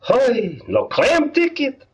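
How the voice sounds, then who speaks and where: A man's voice: very high voice, very animated, slow pace, darkish tone, slightly rough, dull audio, voice pushed up, heavily acted. A man voicing a curt, impatient male dry cleaner who speaks in clipped, broken English. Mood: brusque.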